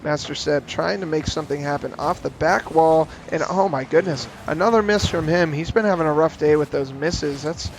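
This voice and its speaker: A man calling esports play-by-play, giving a brisk, steady account of the action. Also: fairly high pitch, a little hiss or hum. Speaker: play-by-play caster.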